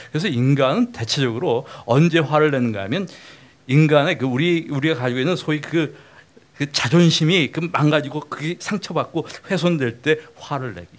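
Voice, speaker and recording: A middle-aged male pastor giving a conversational sermon lecture, often putting questions to the congregation. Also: mid-range voice.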